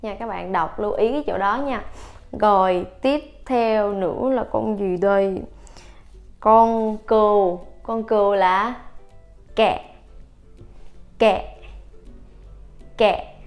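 Slow, patient woman teacher. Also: mid-range voice, faint music behind. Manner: repeats each word many times, stressing sounds. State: slightly hoarse from a coming cold. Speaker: Thai language teacher. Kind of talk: slow, patient vocabulary lesson.

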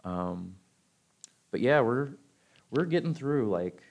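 A man's voice: mid-range voice, expressive, slow, a little mellow. A man co-hosting a casual podcast, rambling and often breaking off mid-sentence, laughing easily. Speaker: podcast co-host.

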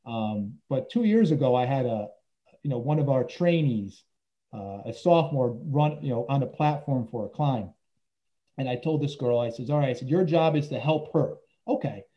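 A man's voice: mid-range voice, animated, normal speed. A man who works as a teacher, telling stories in a casual interview, rambling with lots of "you know" and restarts. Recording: dull lo-fi recording.

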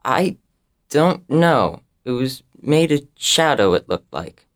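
A woman voicing a nervous hushed young boy. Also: very deep voice, big pitch swings, slow, voice pushed down, exaggerated voice.

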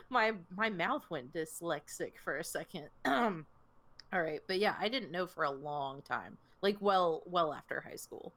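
A woman's voice: on the low side, expressive, takes it slowly, fairly bright tone. A woman co-hosting a podcast, talking candidly, laughing easily and swearing now and then. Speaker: podcast co-host. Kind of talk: casual podcast chat.

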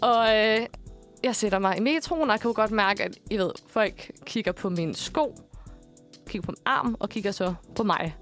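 A young woman in her twenties, co-hosting a podcast and telling a story in a casual, animated way with lots of fillers and laughs. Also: medium pitch, faint music behind. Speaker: podcast co-host.

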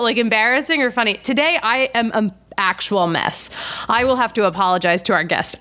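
A woman in her thirties hosts a podcast over a video call, chatty, rambling, and laughing often. Her voice is fairly high in pitch with a fairly bright tone.

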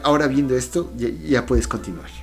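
A man explains folklore background in relaxed podcast conversation. His voice is mid-pitched, and he pauses and restarts as he goes. Soft music sits under the talk. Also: creaky. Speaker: podcast co-host. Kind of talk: casual podcast chat.

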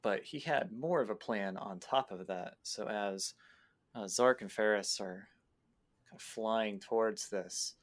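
A man who plays in a tabletop game, casually retelling a session in an unhurried, meandering way. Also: lowish voice. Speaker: player. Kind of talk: casual storytelling recap.

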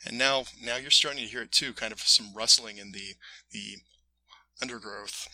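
A man acting as game master, narrating casually and haltingly, pausing to find his words. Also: lowish voice, vocal fry, sharp tone, rough recording. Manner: halting, pausing mid-phrase to search for words.

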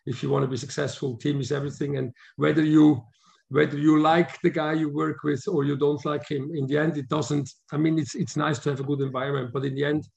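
A Swiss man in his fifties, a motorsport sporting director, answers interview questions as a guest. He is thoughtful, restarting often, saying "um" frequently, and chuckling easily. His voice is a little high and a little mellow, with a level tone, a brisk pace, and vocal fry.

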